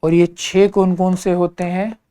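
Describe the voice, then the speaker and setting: A man's voice: sits high, flat delivery, unhurried, warm tone, smooth, no echo. A man teaching an exam-prep lecture, patiently repeating key terms and checking in with his listeners.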